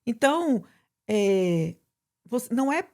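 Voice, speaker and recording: Animated woman pastor, Brazilian Portuguese. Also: on the high side, slow. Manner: animated, bursts into emphatic quoted prayers. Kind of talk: conversational preaching.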